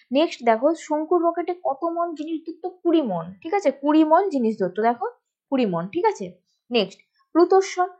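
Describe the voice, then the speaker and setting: A high-voiced woman teacher with a Bengali accent explains exam answers one by one. She keeps checking that her students follow along. The recording is dull and lo-fi. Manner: explains step by step, often checking with "ঠিক আছে?" and "বোঝা গেল?". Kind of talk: exam answer walkthrough lesson.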